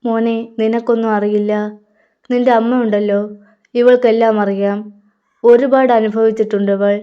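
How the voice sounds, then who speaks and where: A woman's voice: a little high, level tone, normal speed, smooth, natural voice. A woman reading a grieving older father. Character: older father, grieving and fearful for his daughter. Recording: slightly dull lo-fi audio.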